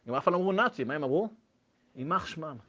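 A man telling a story to listeners in a lively, animated way, in a dull lo-fi recording. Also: sits high. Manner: lively, acts out voices.

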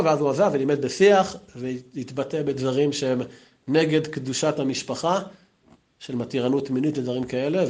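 Guy telling stories at a memorial talk, kinda high voice, acts out the quotes. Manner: lively storytelling with acted-out quotes.

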